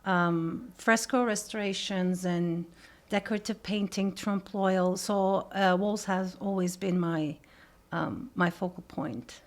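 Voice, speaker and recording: A woman's voice: lowish voice, steady tone, slow. Hesitant Turkish-born woman artist. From Turkey. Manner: hesitant, many ums and uhs. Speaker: guest artist. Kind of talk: casual interview.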